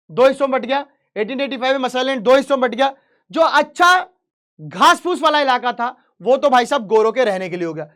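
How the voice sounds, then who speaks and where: A chatty online teacher walks students through a history chapter, switching between Hindi and English. English sentences come out slow and deliberate, then the explanation rushes on in casual, joking Hinglish, with direct questions to the class. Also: sits high, fairly bright tone. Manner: playful asides and jokes, addresses students directly.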